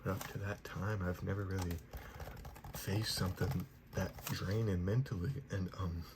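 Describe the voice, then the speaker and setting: A young man giving a whispered ASMR pep talk in a soft, reassuring manner. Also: low-pitched, fairly even intonation, normal speed. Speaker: ASMR creator giving positive affirmations. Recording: noisy, clear background hiss.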